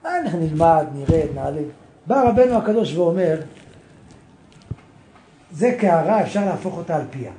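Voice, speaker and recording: High-voiced man preaching animatedly, echoey. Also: pauses often, a little hiss or hum. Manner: animated, acts out quoted voices, bursts into exclamations. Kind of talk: Torah sermon to a group.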